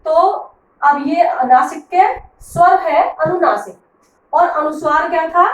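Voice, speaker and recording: A woman's voice: extremely high pitch, takes it slowly, roomy sound, recorded from a distance, slight background noise, low-quality recording. A woman teacher explaining grammar to pupils, patiently asking questions and answering them herself. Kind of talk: classroom grammar lesson.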